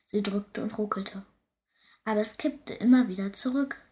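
A woman reading a fairy tale aloud, gentle and often hushed. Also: mid-range voice, normal speed. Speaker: storyteller.

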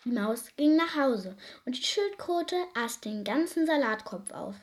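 A woman narrates a children's storybook in a calm, gentle way. Her voice sits somewhat high for a woman and stays soft and unhurried between the characters' lines. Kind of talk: reading a children's story aloud.

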